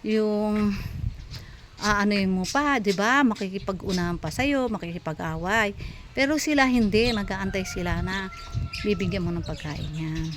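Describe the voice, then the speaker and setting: A woman's voice: medium pitch, measured pace, noisy background. A woman vlogging while she feeds her dogs outdoors at a rural home, out of breath and chatty, calling to each dog by name. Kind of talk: casual vlog, talking while feeding dogs.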